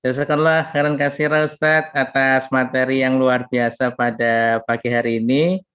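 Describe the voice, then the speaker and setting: Polite male moderator, monotone delivery, muffled recording. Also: medium pitch. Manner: measured and polite. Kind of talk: formal closing thanks. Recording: dull lo-fi sound.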